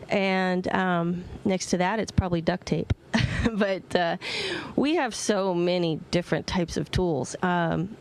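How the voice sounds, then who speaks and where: A woman astronaut aboard a space station answers students' questions from orbit over a space-to-ground radio link. Her voice sits on the low side with vocal fry, and her answers are informal and plain-spoken.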